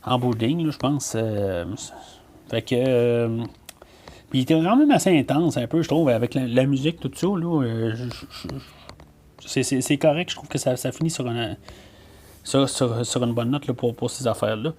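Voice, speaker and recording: A podcast host with a Québécois French accent reviews a film in casual, hesitant talk packed with fillers and restarts. His medium-pitched, warm voice moves at a moderate pace, with slight background noise.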